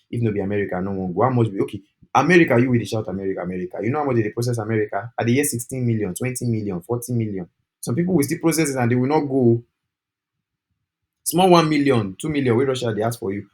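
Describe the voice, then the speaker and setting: Young nigerian man, nigerian accent, low voice, rapid speech, persuasive, slips into pidgin, group call. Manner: animated, switching into pidgin, preachy. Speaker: study-abroad agent.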